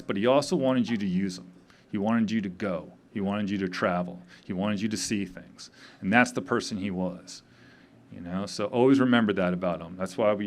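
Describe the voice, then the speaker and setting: A man in his fifties, grieving, giving a halting memorial speech full of pauses and fillers at a tavern gathering. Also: fairly low pitch, slight background noise. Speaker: eulogy speaker. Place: tavern event.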